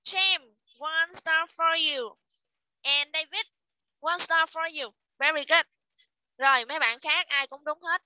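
Woman, online children's English teacher, high voice, dry close sound, slow repeated dictation. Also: pushed and bright, no room sound, low-quality recording. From Vietnam. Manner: dictating letters and words slowly, repeating each one, praising pupils.

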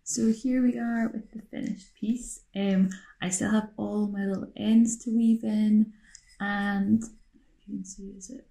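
A woman's voice: medium pitch, level tone, unhurried, creaky, warm tone. A young woman, demonstrating a craft in a casual, chatty way, often correcting herself mid-sentence and thinking aloud. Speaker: craft tutor. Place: small room indoors.

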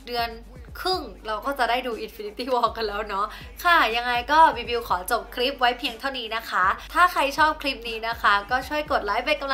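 With a sharp tone and a fairly high pitch, a young female vlogger runs casually through a numbered list of movies. She tacks polite particles onto the ends of her sentences.

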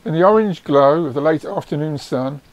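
A man giving scripted nature documentary narration in a measured, descriptive storytelling way. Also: fairly high pitch, no room sound, highs cut off. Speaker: narrator of own wildlife travel film.

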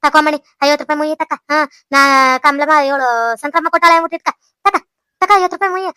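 A woman plays a chattering old grandmother from a village in a cartoon, fussing and gushing with a North Karnataka Kannada accent. The voice is very high and bright, rattling along fast, and the recording is dry and close. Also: fairly even intonation, no echo. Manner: fussy, gushing, lots of sighs. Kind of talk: cartoon voice acting.

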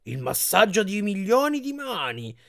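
A man's voice: high-pitched, sing-song, measured pace, gravelly, a bit bright, voice pushed up, full character voice. A man voicing a panicked young male satyr in an audiobook reading, squealing and stammering.

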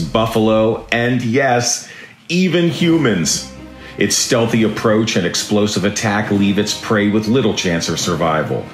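A man's voice: low voice, reverberant. A man reading scripted nature documentary narration in a dramatic, grandiose manner. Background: music.

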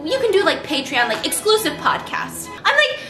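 A young woman hosting a vlog, chatting casually to camera with her partner in an excitable, dramatic, giggly manner. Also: high voice, normal speed, music in the background. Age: young adult. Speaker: vlog host. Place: living room and kitchen at home, indoors.

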